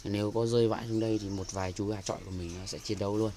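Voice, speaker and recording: Man, Northern Vietnamese accent, casual aviary walkthrough, low voice, doves cooing behind. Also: fairly even intonation, racing, mellow, slight background noise. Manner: chatty, many fillers and repeated words. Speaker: bird breeder showing his aviary. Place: outdoor bird aviary. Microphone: handheld camera mic.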